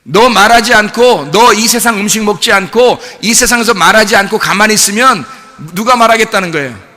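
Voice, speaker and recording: A man preaching in a high, bright voice that carries through a church sanctuary with a long reverb tail. He talks to the congregation as if chatting with them, throwing out questions and breaking into little laughs. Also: a little fast. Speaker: pastor. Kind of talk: sermon.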